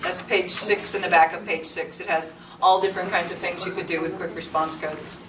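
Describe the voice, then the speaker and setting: Brisk and fairly even in intonation, a woman with a fairly low voice leads a conversational workshop at a business meetup. She speaks plainly to a small group gathered in a meeting room, picked up by a distant mic that sounds roomy and carries clear noise.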